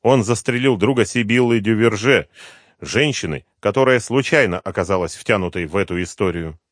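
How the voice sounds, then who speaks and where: A man's voice: fairly low pitch, normal speed, no room sound, studio quality, pitched above the performer's own voice, natural voice. A male audiobook reader voicing a dying, desperate middle-aged former KGB officer who pleads in a strained voice and breaks into coughs. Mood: weary.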